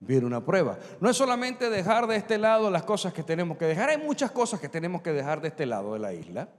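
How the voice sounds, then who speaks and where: A middle-aged male pastor preaching with a high voice that swoops up and down in wide arcs. He acts out the dialogue of the scripture in changed voices and has the congregation repeat phrases after him. The sound carries a long reverb from a large church hall. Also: huge pitch swings, quick pace. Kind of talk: sermon.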